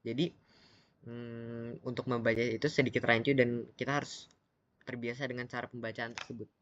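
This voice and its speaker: A man teaching Mandarin pronunciation in a slide lesson, talking slowly and patiently with many pauses, repeating syllables aloud for practice. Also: mid-range voice, flat delivery, fairly bright tone, dry recording, highs cut off.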